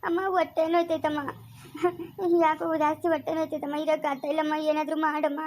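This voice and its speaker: A woman as a tearful young mother in labor; rural Chikkaballapur Kannada accent, high and fast, begging through pain. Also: level tone, a little mellow. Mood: pleading. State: in pain, crying.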